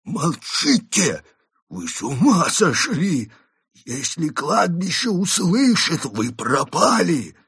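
A man's voice: medium pitch, very animated, takes it slowly, sharp tone, slightly rough, dry recording, clean studio sound, voice pushed up, exaggerated voice. A man doing a fussy, drawling ghost wolf. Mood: fussy warning. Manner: fussy, warning, lecturing tone. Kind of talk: audiobook character reading.

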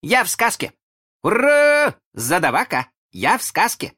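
Casting: an overexcited little boy put on by a male narrator, high and squeaky. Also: normal speed. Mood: excited. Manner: squealing and excited. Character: eager excitable little lost boy.

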